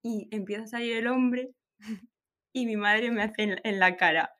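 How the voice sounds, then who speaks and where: A woman, co-hosting a podcast and telling a story in a casual, animated way, full of fillers and restarts. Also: fairly high pitch, normal speed. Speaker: podcast co-host.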